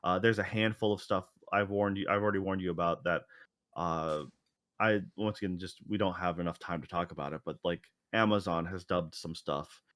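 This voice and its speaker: A podcast co-host rambles through a casual chat full of fillers and restarts. His voice sits low with fairly even intonation, moving fairly quickly with a fairly bright tone on a dry recording.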